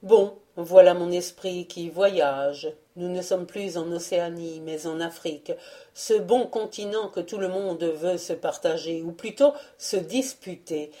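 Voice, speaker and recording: Woman, audiobook reading, measured and wry, mellow dark tone, unhurried pace. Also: on the low side. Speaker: audiobook reader.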